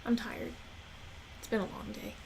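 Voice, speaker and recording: A woman's voice: moderate pace, slight background noise. A woman chatting casually on a stream, laughing often and cooing at her dog in a sing-song voice. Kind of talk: casual chat while showing crafts and playing with her dog.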